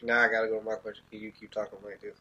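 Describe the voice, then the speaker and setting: A man's voice: lowish voice, completely flat delivery, rapid-fire, sharp tone, highs cut off. A young man hosting a casual podcast, teasing and playful, full of slang and rambling. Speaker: podcast host.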